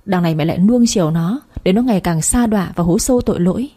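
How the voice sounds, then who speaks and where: An angry young man lectures his mother bluntly and reproachfully, as a woman narrator reads him. The voice is dark and husky, close to the reader's own. It is a storybook reading. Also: lowish voice, fast, no room sound, natural voice. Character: angry young husband and elder brother, blunt.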